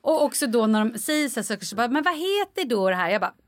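A woman co-hosting a casual podcast, an animated storyteller who acts out quotes with big jumps in her voice. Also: a little high, no room sound, clean studio sound. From Sweden. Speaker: podcast co-host. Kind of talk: casual chat.

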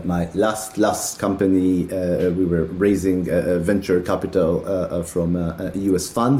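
A man's voice: low voice, mellow. A middle-aged man who grew up in Israel, talking casually as an interview guest, with many hesitations and fillers. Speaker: guest, tech company executive.

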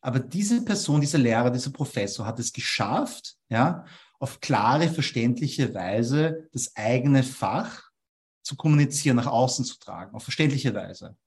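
A man's voice: mid-range voice, lively intonation, normal speed, darkish tone. A young man from Vienna, explaining copywriting ideas as an interview guest and checking in with a questioning "ja?" after his points. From Austria. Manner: tags statements with a questioning "ja?".

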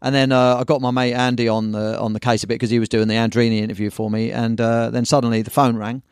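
An English man, a surf magazine owner, chatting casually on a podcast, rambling and animated, telling stories full of slang. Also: mid-range voice, fast, clean tone, no echo, clean studio sound.

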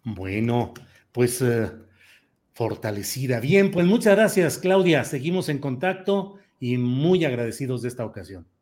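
A man hosting a news show, presenting conversationally in a halting, wordy way with repeated phrases. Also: medium pitch, animated, a little mellow.

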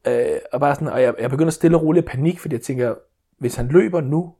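A man's voice: fairly high pitch, dark tone, slightly rough. A man, telling a story as a father in casual chat, rambling with many restarts and fillers.

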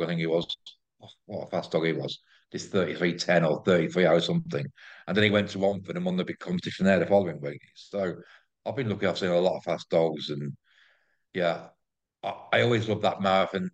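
Interview guest: English man, deep voice, effusive casual chat, repeats himself for emphasis. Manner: effusive, repeats words and phrases. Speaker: interview guest, greyhound track promoter.

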